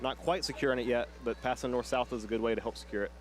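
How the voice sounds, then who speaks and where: A man's voice: mid-range voice, fairly even intonation, rapid-fire. A man giving analytical, conversational live commentary on a grappling match as a color commentator.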